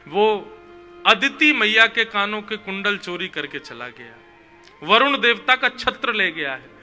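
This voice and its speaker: A man telling a devotional story in a lively, animated way, putting on the voices of the figures in it. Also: high voice. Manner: animated, voices the figures in his tale, chuckles.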